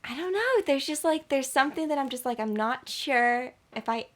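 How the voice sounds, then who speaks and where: A woman's voice: high-pitched, expressive, normal speed. A young woman, a musician guest on a podcast, talking casually and hesitantly with lots of fillers and laughs. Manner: hesitant, many likes, giggly. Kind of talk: casual chat.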